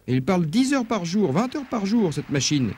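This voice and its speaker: A man preaching in a dubbed religious lecture, emphatic, asking rhetorical questions, his pitch swinging up and down. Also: very animated, normal speed, a little mellow.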